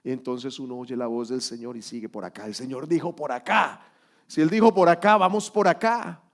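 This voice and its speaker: A man, the pastor, teaching a Sunday school sermon, swinging between loud emphatic lines and quiet, low asides. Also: a little fast.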